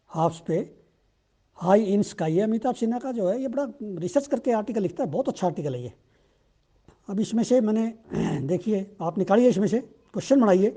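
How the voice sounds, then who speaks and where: Dark-voiced Indian man teaching exam prep. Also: high voice. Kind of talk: explaining current-affairs exam questions.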